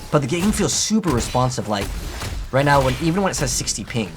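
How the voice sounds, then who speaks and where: A man's voice: medium pitch, sing-song, fairly quick. A man giving casual, rambling, conversational gameplay commentary as the host of a gaming video. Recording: game music behind the voice. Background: video game music.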